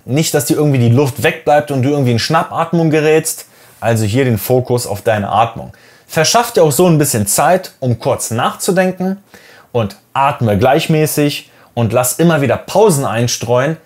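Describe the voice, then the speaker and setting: Man, teacher, coaching exam tips, direct and encouraging. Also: medium pitch. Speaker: English teacher.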